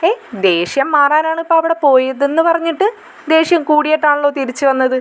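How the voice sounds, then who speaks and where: A woman's voice: high voice, a little fast, pitched above the performer's own voice, close to an everyday voice. A woman voicing a curious teenage girl who pesters her older sister with prying, teasing questions.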